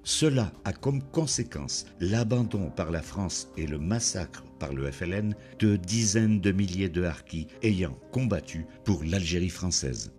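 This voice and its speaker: A man's voice: sits low, expressive, unhurried, few pauses, a little mellow. A man reading scripted documentary narration. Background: music.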